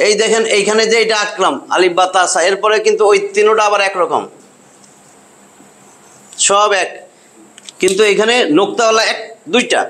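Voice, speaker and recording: High-voiced man drilling letter sounds. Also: moderate pace, long pauses, fairly bright tone. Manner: patient, repeats letter sounds over and over. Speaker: Quran reading teacher. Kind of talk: classroom lesson.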